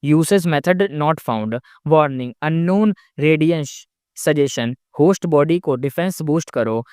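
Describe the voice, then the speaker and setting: An AI chip that speaks in slow, clipped, mechanical reports, as a male storyteller puts it on. The tone is smooth and a little high. The sound is close and dry. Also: darkish tone, no room sound.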